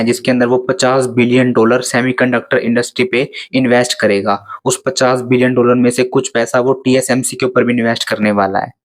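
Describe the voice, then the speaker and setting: A young man narrates an explainer video at a mid pitch. He moves through his points in a steady, listing way. He slows down carefully whenever he reaches a technical term. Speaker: YouTube explainer host.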